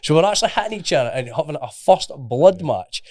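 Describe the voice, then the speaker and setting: A man's voice: on the high side, lively intonation, fast, darkish tone. A man, a podcast guest talking emphatically in casual chat and swearing freely. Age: 30s.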